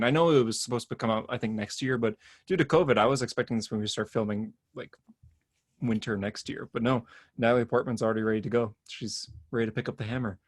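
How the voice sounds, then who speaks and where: Casual guy talking comics news on a podcast, laughs a lot, middle pitch, dry mic. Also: dry recording. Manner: chatty, rambling, laughs often. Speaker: podcast co-host.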